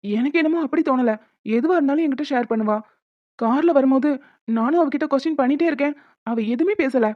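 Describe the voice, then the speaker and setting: A woman's voice: high voice, fast, dry recording, lightly acted. A woman voicing a worried young father and husband who frets earnestly in a cartoon. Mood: fretful. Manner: earnest, fretful pleading. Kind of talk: cartoon voice acting. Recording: dull lo-fi dry recording.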